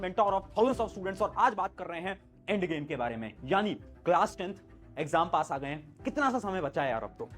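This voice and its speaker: Upbeat man giving an exam pep talk. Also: fairly high pitch. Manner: pep-talk, addresses students directly, repeats phrases. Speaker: online tutor for board exams. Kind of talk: motivational exam-prep talk to students. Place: indoor room, standing before camera.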